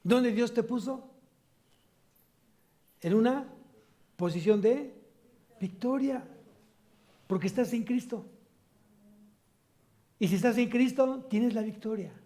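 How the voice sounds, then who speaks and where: Mexican pastor guy preaching, high but warm tone, keeps asking the church questions and punching the answers. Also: takes it slowly, pauses often. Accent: Mexican Spanish. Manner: preaching with rhetorical questions, rising to emphatic peaks. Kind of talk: sermon.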